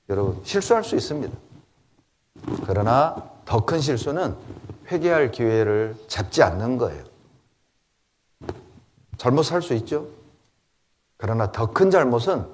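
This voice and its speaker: A middle-aged man preaches with lively, swooping intonation, firing off repeated rhetorical questions to press each point. His voice sits at an ordinary male pitch and moves a great deal. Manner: emphatic rhetorical questions and repetition. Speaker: pastor. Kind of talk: sermon.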